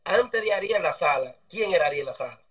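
A man's voice: high-pitched, expressive, fairly quick, a bit bright. A man interviewing a mechanic over a video call, asking friendly, chatty questions. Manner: polite, chatty questioning with fillers. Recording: distant video call audio.

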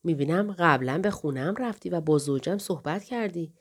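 A woman voicing an elderly male scholar who is kind and grieving, speaking softly and affectionately. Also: on the low side, lively intonation. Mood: gentle. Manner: soft, affectionate, slow.

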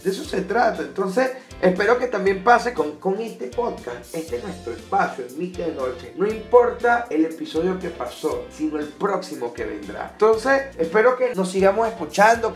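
A young Venezuelan man hosts his own podcast, talking in a loose, joking, slangy ramble. His voice sits a touch high for a man. The room rings with echo and faint music plays underneath. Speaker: podcast host. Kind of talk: casual solo podcast monologue.

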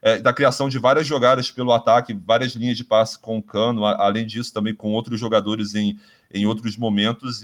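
Brazilian male podcast host, loose casual chat, swears a lot, trips over his own words, mid-pitched voice. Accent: Brazilian Portuguese. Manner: rambling, swears freely, many restarts.

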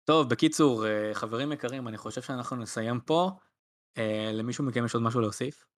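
A young man co-hosts a podcast. He speaks in a casual, conversational way. His voice is medium in pitch. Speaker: podcast co-host. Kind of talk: casual chat.

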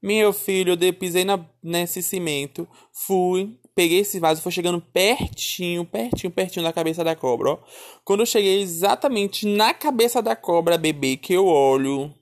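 A man telling a childhood story in a lively, chatty way, calling his listeners darling and my son. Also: high voice. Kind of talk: casual storytelling.

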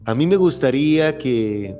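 A man hosts a faith podcast in an earnest, rambling way, circling back and restarting his sentences. His voice sits at an ordinary middle pitch. Soft music plays faintly behind him. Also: expressive, unhurried. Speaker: podcast host. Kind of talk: casual faith-based podcast conversation.

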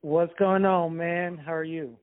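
A young man from Somalia, an interview guest, talking in a halting, reflective way with many restarts. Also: fairly high pitch, steady tone. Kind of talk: casual conversation. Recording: tinny phone-like call line.

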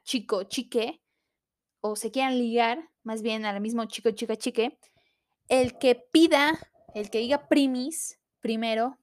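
A young woman with a Mexican accent, chatting casually as she comments on a list of rules, lively and playful, often adding gender-neutral word forms. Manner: chatty, animated, uses gender-neutral forms, bursts into high exclamations.

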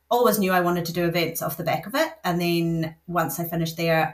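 A middle-aged woman with a Scottish accent, chatting easily and telling stories as a guest in a podcast interview. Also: fairly low pitch. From north of Scotland. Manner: chatty, storytelling, laughs easily. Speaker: guest, events association general manager.

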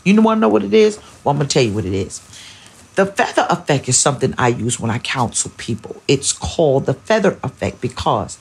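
Very raspy, gravelly woman in her forties. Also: very deep voice, a little fast. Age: 40s. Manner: animated, acts out family scenes with exclamations. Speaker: podcast host and pastor. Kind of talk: casual podcast storytelling.

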